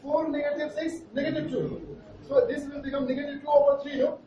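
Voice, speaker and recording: This is an interactive maths class led by an Indian-accented man at a board, who keeps things playful and teasing while checking students' understanding with questions. His very high-pitched voice holds a level tone at a fairly quick pace. Audio is echoey, noisy and muffled, recorded far off.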